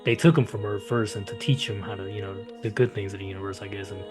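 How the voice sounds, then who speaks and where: Low-voiced man in casual, profane movie chat. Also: steady tone, fast, music in the background. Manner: loose and profane, trails off into quiet asides. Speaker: movie reviewer.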